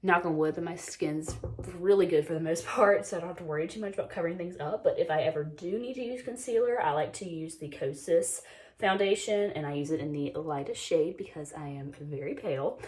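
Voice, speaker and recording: Speaking a little fast in a lowish, slightly mellow voice, this North Carolina beauty vlogger in her twenties is a bit under the weather and losing her voice. She chats casually through her makeup routine, get-ready-with-me style, with plenty of "like" and "um."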